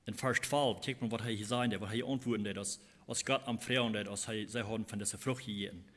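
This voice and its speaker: Man preaching a halting sermon. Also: lowish voice, fairly even intonation, a bit bright. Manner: halting, repeats phrases while explaining scripture.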